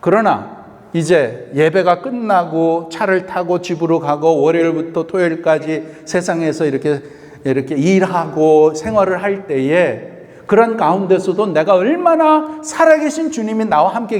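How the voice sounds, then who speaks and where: Male pastor preaching, a fairly high voice and long hall reverb; he asks rhetorical questions and slips into English. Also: lively intonation, measured pace. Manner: switches between Korean and English phrases; acts out prayers in a soft voice. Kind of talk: sermon. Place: church sanctuary.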